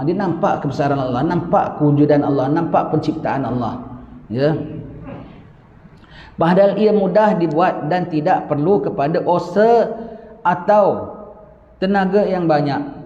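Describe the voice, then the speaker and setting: A man with a Malaysian accent gives a religious lecture, his voice a little high yet mellow and dark. He reads passages from a book, then explains them with asides and rhetorical questions. The dull, lo-fi recording carries the long reverb of a large hall. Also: a little hiss or hum. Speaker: religious teacher.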